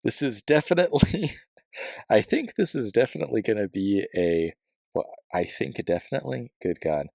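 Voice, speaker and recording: A man's voice: medium pitch, lively intonation, normal speed, creaky, darkish tone, dry recording, studio quality. A man hosting a let's play, chatting casually about his build with a rambling, self-deprecating manner and lots of fillers. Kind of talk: casual gameplay commentary.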